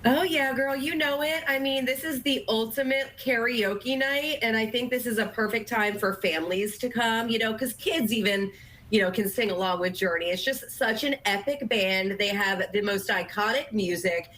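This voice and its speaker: A woman's voice: fairly high pitch, moderate pace, fairly bright tone. A woman guest in a TV interview, enthusiastic and upbeat, her voice a little worn. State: slightly losing her voice. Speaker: communications director guest.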